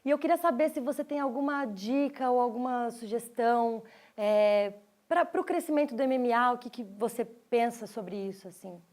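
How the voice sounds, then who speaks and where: A woman's voice: fairly high pitch, a little fast, a little mellow. A Brazilian woman interviewing a guest, asking questions in an easy, friendly way and laughing often. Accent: Brazilian Portuguese.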